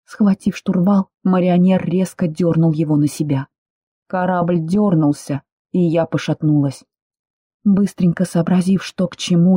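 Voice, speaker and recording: A woman narrating a first-person novel as an audiobook, with steady, expressive storytelling. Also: fairly low pitch, breathy edge, dry recording, studio quality.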